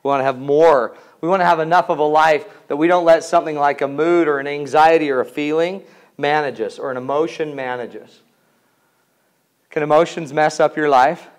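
Jokey 40s guy teaching a class, asks the room lots of questions, voice on the high side. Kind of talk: comedic lecture to a class.

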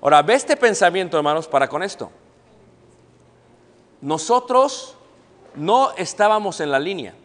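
A middle-aged preacher with a Mexican Spanish accent speaks in a high voice, a little slowly and with frequent pauses. He animatedly questions the congregation and impersonates those he quotes, and the church hall's long reverb colors the sound.

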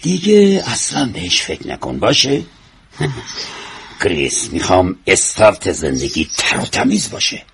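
An actor playing a jovial, guarded older businessman and father in a radio drama, emphatic and quick to deflect. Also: low voice, huge pitch swings, a bit bright, breathy edge, full character voice. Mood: earnest. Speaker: father character.

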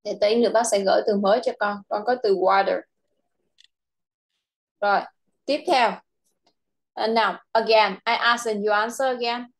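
A woman with a Vietnamese accent tutoring a child in English online, patient and repeating words slowly. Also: mid-range voice, fairly even intonation.

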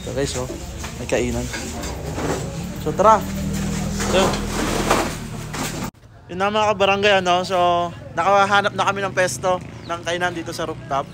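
A man's voice: high-pitched, moderate pace, pauses often. Chatty young man vlogging over wind. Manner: chatty, addresses viewers as neighbors, laughs often. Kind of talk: casual travel vlog. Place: outdoors on a motorbike ride, then an open-air eatery. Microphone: phone held at arm's length. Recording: loud wind noise on a phone mic. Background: loud wind and traffic noise.

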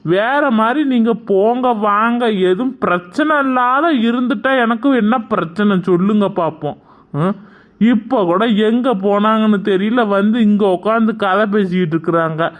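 A man's voice: high-pitched, moderate pace, lightly acted. A man voicing an adult son in a cartoon who grumbles about his mother and keeps asking "hm?". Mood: grumbling. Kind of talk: cartoon voice acting.

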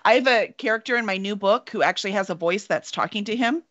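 A woman with a mid-range, slightly bright voice talks fast while hosting a casual video-call chat with her tabletop players, rambling and poking fun at herself. She's the game master and show host, and her webcam audio sounds dull and lo-fi.

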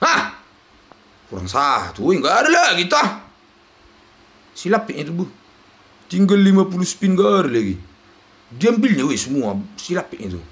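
A young man, giving loud, excited commentary on a slot game as he plays, swinging between yells and mutters. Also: high-pitched, unhurried, long pauses. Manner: loud, shouting and exclaiming, jumpy swings between yelling and muttering.

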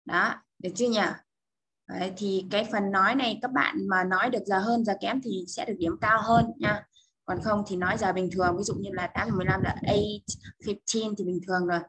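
A woman teaching an English speaking lesson and explaining in Vietnamese, slowing down for the English example phrases and often checking that students follow. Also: mid-range voice, steady tone, a bit bright, breathy edge, low-quality recording. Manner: explains step by step, often checks with "được chưa?".

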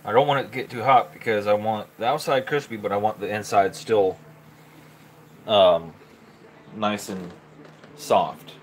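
A man in his forties hosts a live home cooking stream, chatting step by step as he works at the stove. His voice sits fairly low, picked up on a handheld camera mic in a home kitchen. A faint room ambience sits behind him. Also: fairly even intonation, a little slow, long pauses, slight background noise, low-quality recording. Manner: casual, step-by-step, talking to viewers while cooking. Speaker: home cooking channel host. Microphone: handheld camera mic, moved around the stove.

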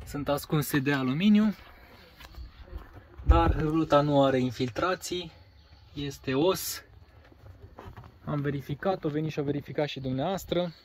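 A man's voice: on the high side, darkish tone, slight background noise. Man presenting a caravan outdoors. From Romania. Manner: plain, matter-of-fact, pauses with fillers. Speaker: caravan seller. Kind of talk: casual walkaround presentation. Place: outdoors on a grassy lot beside a caravan. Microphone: phone camera held by the speaker.

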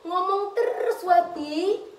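A woman's voice: very high-pitched, slow pace, voice pushed up. A woman voicing an exhausted pregnant mother who scolds her grown daughter in a nagging, sing-song way, in a comic skit. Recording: echoey room.

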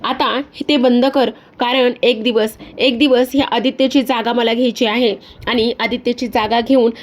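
A scheming young woman, defiant and mocking, set on taking a family's wealth, as a woman storyteller reads her lines. The voice sits a little high. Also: steady tone, moderate pace, close to an everyday voice.

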